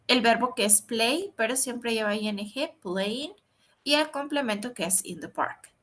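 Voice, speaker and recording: Bright-voiced woman teaching grammar. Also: fairly high pitch, measured pace. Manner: patient, repetitive explaining, spells out letters. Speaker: English teacher. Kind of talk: recorded online grammar lesson.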